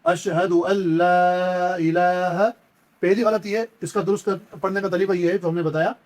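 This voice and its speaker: A Quran recitation teacher with a high-pitched, steady, darkish voice gives a step-by-step lesson. He patiently and repeatedly explains each error, then demonstrates by chanting the words slowly and drawing them out.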